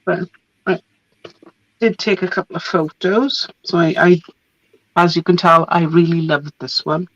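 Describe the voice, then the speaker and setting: Losing her voice to an oncoming cold, a female host chats casually while showing craft papers, laughing a lot and drifting off with ums. Her lowish voice holds a steady tone at an unhurried pace with long pauses, and the audio is dull with no room sound.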